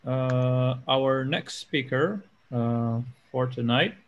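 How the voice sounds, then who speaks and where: Very slow man introducing speakers. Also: medium pitch, a little hiss or hum. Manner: unhurried, halting. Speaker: event moderator. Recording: muffled call audio.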